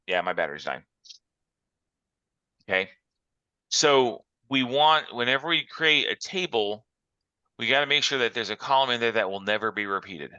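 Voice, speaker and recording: A man's voice: mid-range voice, expressive, moderate pace, pauses often, sharp tone, smooth, no room sound. Male instructor on a conference call, explaining step by step, muffled and dry. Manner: walks through examples step by step. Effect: heard over a conference call. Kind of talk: online class lecture.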